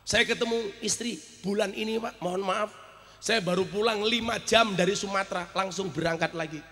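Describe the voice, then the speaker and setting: A male preacher telling an emotional personal story in a sermon, dropping to a hush and rising to shouts. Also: high voice, normal speed, big-room sound, soft background music. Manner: emotional, swings from hushed to shouting.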